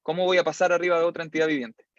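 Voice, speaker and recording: A man leads a class and tells its stories with animated, playful energy. His voice sits a little high for a man. The recording is dry and slightly dull, lo-fi. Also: rapid-fire, dry recording. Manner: animated, playful storyteller who acts out scenes. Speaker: teacher. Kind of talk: lively storytelling lesson.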